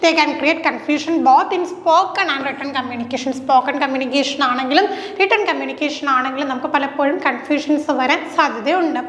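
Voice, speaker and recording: High-voiced Malayali woman teaching. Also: moderate pace, a bit bright. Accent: Malayali English. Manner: asks questions and answers them herself. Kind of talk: exam-prep lesson. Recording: echoey room with long reverb.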